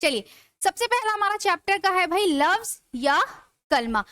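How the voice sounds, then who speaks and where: Young woman teacher on a live online class, very high voice, dry close sound, keeps asking students questions. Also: sing-song, normal speed, pushed and bright, no room sound. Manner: chatty, rhetorical questions to students. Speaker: online Urdu grammar teacher.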